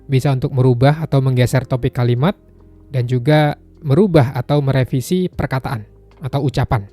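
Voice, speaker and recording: Mellow-voiced man patiently explaining a lesson. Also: medium pitch. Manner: patient, repeats points, casual spoken phrasing. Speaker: Japanese language teacher.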